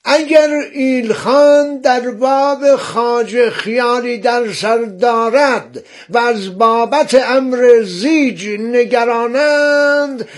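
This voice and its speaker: A man voicing a bold, joking male scholar in a high, drawn-out put-on voice. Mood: boasting. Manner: drawn-out, high exaggerated delivery.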